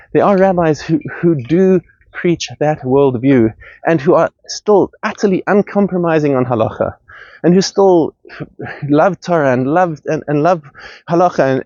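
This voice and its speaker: A podcast host with a slightly high, expressive, dark-toned voice speaks at normal speed in a heated, earnest monologue. He often restarts and repeats words as his passion rises. The recording is dry, with a dull, lo-fi quality.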